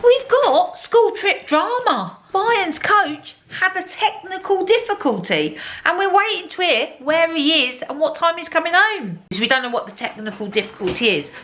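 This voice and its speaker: This vlog host talks to the camera in a chatty, cheerful way as she moves around her narrowboat and the outdoors. Her voice is very high and sing-song, fairly bright, at a normal speed with few pauses.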